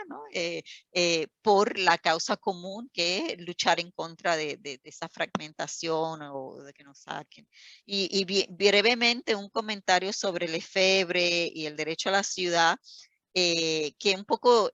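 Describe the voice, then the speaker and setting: A woman's voice: on the low side, fairly bright tone, no echo. A woman from Puerto Rico with a Puerto Rican Spanish accent, speaking as a seminar panelist on a video call, hesitant with many fillers and restarts. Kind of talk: academic talk on a video call.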